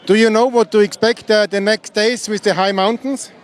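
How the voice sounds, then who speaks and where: A man's voice: sits high, steady tone, moderate pace, slight background noise. A man interviewing a rider outdoors at a race finish, asking patient, coaxing questions. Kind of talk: on-site interview.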